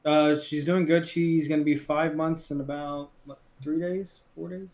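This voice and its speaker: A young man co-hosting a casual podcast chat, talking in a relaxed, rambling way with many fillers. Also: fairly high pitch, moderate pace. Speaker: podcast co-host.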